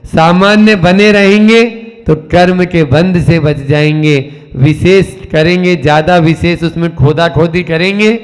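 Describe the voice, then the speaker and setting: A man giving a religious sermon as a monk. He explains scripture line by line and asks his listeners rhetorical questions. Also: on the high side. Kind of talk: religious discourse. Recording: long reverb of a hall.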